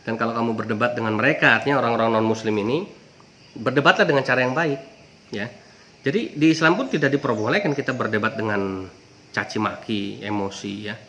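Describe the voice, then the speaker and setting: A man's voice: mid-range voice, brisk, bright, forceful tone, a little hiss or hum. A man with an Indonesian accent giving an informal religious talk, conversational, often adding "ya" to his points and lifting his voice on key words. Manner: conversational, frequent "ya" and "gitu ya" tags, rising emphasis on key words. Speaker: Islamic preacher.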